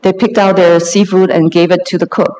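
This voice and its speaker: A man working as a live interpreter, translating a sermon on the spot in short bursts, halting with fillers and self-corrections. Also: sits high, level tone, a little mellow, a little hiss or hum. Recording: long reverb of a large hall.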